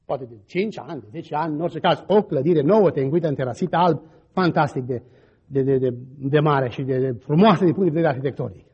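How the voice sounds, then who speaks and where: A male pastor with a high, husky voice preaches with stories from his own life. His pitch leaps about as he moves from quiet asides to loud exclamations. The recording sounds dull and lo-fi. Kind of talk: sermon with personal stories.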